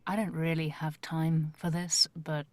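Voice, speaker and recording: A woman voicing a brisk, impatient female adventurer who talks in a businesslike way. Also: sits low, flat delivery, darkish tone, no room sound.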